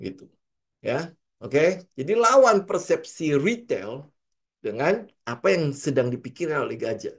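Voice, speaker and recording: A man's voice: medium pitch, big pitch swings, moderate pace. A man with a Jakarta-slang Indonesian accent, giving a casual trading lesson. He keeps asking rhetorical questions and acts out what traders say. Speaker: trading coach.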